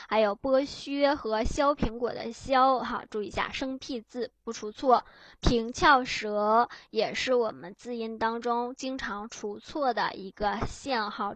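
A woman's voice: on the high side, fairly bright tone, dry recording. A woman teacher giving an exam-prep lecture, explaining patiently and tagging her phrases with little "ha" fillers. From China.

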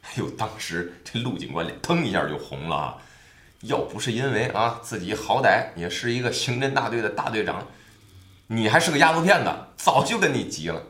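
Animated male storyteller in a roomy echo. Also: lowish voice, brisk. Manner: chatty, colloquial, animated. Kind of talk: oral storytelling of an adventure tale.

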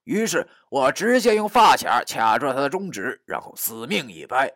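Animated male storyteller. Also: medium pitch, normal speed, no room sound, studio quality. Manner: animated, dramatic, swings from hushed to shouting. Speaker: narrator. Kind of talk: first-person audiobook narration.

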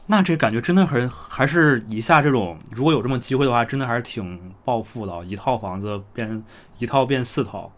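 Man, podcast host, rapid speech, casual interviewing, rambling questions. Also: medium pitch. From China, outside Beijing. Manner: rambling questions, paraphrases what he hears.

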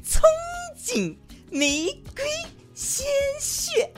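A woman's voice: very high-pitched, wildly swooping pitch, drawn-out words, over music, full character voice. A woman putting on a giggly, fawning voice in a comedy radio sketch.

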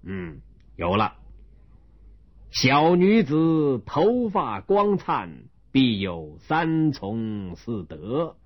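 A man voicing a pompous, suspicious county magistrate in a folk tale, drawing out each phrase slowly and sternly. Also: mid-range voice, very animated, heavily acted. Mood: scheming. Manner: slow, drawn-out, stern official delivery. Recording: dull lo-fi recording.

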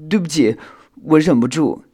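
A man's voice: medium pitch, expressive, moderate pace, a little mellow, pitched above the performer's own voice, close to an everyday voice. A man voicing a clumsy, sulky male insect in a children's audio storybook, talking in a whiny, apologetic way.

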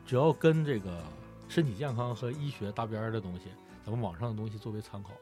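A man's voice: fairly low pitch, quick pace, warm tone. A man speaking as a dental expert in a casual chat, explaining and advising step by step. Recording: music playing behind the talk.

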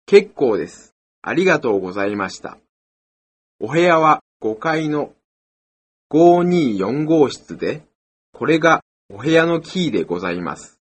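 A man's voice: on the high side, very animated, measured pace, husky, full character voice. A man playing a courteous hotel receptionist in a scripted language lesson, speaking very formal, ultra-polite honorific Japanese. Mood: courteous, attentive. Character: courteous male hotel receptionist serving a guest. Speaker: hotel front desk clerk in a textbook dialogue.

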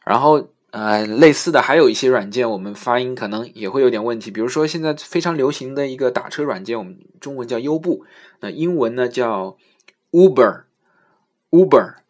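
A man hosting a casual spoken English lesson. He talks in a relaxed way with many fillers and slows down to spell out English words. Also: medium pitch. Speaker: podcast host teaching English words.

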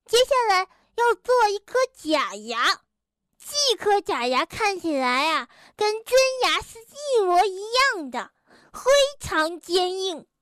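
A woman's voice: extremely high pitch, big pitch swings, slow, a bit bright, no echo, clean studio sound, pitched above the performer's own voice, full character voice. A woman voicing a cheerful, proud male beaver dentist in a children's storybook, speaking in a bouncy, beaming way. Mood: explaining. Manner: bouncy, beaming, rhyming patter.

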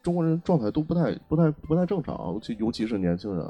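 A man's voice: on the high side, sing-song, fast talker, husky, highs cut off, faint music behind. A man co-hosting a casual chat, introducing and explaining Chinese internet slang. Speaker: podcast co-host.

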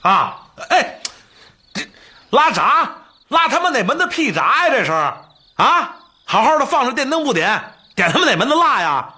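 A man's voice: fairly high pitch, very animated, moderate pace, a bit bright. An actor playing a crude, scheming, irritable man of a wealthy household in a period TV drama, with a Beijing accent and earthy swearing. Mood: irritated.

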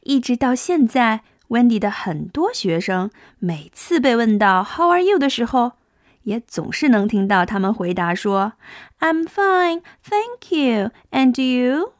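A woman's voice: a little high, big pitch swings, no room sound, clean studio sound. A young woman teaching English to small children, coaxing them along and stretching out each sound to demonstrate it. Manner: coaxing, drawn-out demonstrative phonics. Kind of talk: children's language lesson.

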